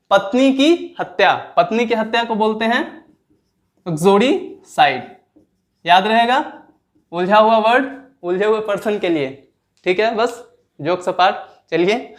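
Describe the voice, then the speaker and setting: Guy teaching vocab for exams, talks real slow, stretches out each word and keeps asking if you got it. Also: high voice, a bit bright. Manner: repeats each word slowly, drawing it out; asks students questions and checks their understanding. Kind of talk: exam vocabulary lesson.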